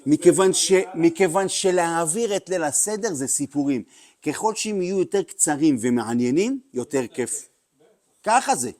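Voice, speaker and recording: A man, a rabbi, giving a Torah class full of stories, animated and dramatic, bursting into loud exclamations as he tells them. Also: a little high. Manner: animated storyteller, acts out characters with sudden loud outbursts.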